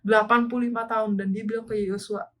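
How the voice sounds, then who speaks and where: An earnest woman preaches to a church, her voice sitting a little on the high side. She moves between two languages mid-thought and punctuates each point with a short affirming "ya". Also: flat delivery, fast, low-quality recording. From Indonesia. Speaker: church speaker. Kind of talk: bilingual sermon sharing.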